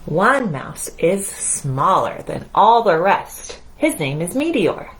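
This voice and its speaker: This woman children's librarian speaks slowly in a fairly low voice with big pitch swings. She leads a storytime of movement and read-aloud, addressing young children in an encouraging, singsong way.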